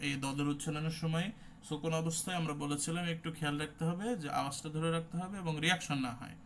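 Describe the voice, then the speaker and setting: A man's voice: fairly high pitch, fairly even intonation, fast, fairly bright tone, slight background noise. A man teaching an online Quran recitation class, explaining letter sounds and demonstrating each one.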